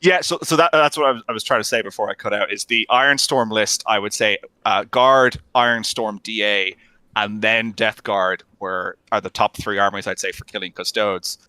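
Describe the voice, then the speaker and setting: A man's voice: lowish voice, normal speed, sharp tone, smooth, no room sound, low-quality recording. Man on a mic cutting out, uneven volume. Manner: hesitant, many fillers and restarts. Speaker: podcast panelist. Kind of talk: casual gaming strategy chat.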